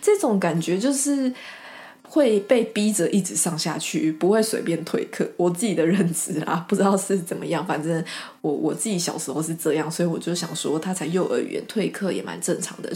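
A young woman, hosting a podcast and telling a story about her teaching job in a casual, chatty way, with many fillers and soft whispered asides. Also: on the low side, expressive, a little fast. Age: young adult. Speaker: podcast host and children's class teacher.

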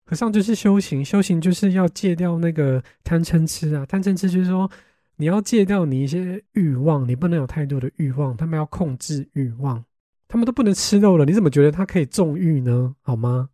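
A young man with a Taiwanese Mandarin accent, hosting a podcast and telling family stories in an animated, exasperated way, swearing casually. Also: on the high side, a little fast, no room sound, studio quality. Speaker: podcast host. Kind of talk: casual storytelling chat.

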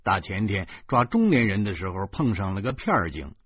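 Man, audiobook narrator, husky, very animated pitch, dry, dull lo-fi sound. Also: a little fast, no room sound. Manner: lively, exclamatory, colloquial. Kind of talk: storytelling narration. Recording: dull lo-fi recording.

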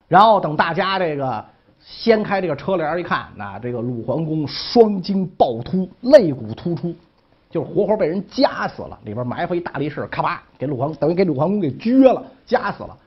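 A man's voice: on the high side, sing-song, brisk, breathy edge, lo-fi sound. A man telling history stories in a colloquial, joking way, often asking 'right?'. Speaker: history storyteller. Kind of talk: casual storytelling.

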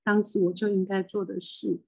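A woman's voice: mid-range voice, little pitch movement, normal speed, creaky, warm tone, low-quality recording. An older woman from Taiwan, a spiritual medium and hypnotist, speaks with a Taiwanese Mandarin accent. She gives a rambling, emotional personal monologue full of restarts.

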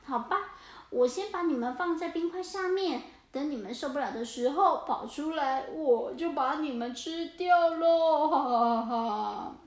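A greedy killer whale bullies its prey in a storybook reading, its voice squeezed up high and gloating, put on by a woman. The teasing threats ring around an echoey room. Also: a little slow. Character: greedy hungry killer whale villain, mocking.

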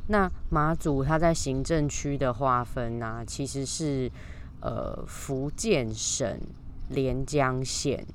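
Faint outdoor noise sits behind a podcast host speaking through a face mask, which slightly muffles the voice. The accent is Taiwanese Mandarin and the pitch is middling. The delivery is casual, unscripted solo talk to listeners. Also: slow pace. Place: outdoors in a park. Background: faint natural ambient sound.

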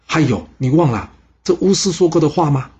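A man's voice: on the high side, expressive, fairly quick, warm tone, husky, muffled recording, voice pushed up. A man voicing a clever young boy who eagerly reasons with his father. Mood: earnest.

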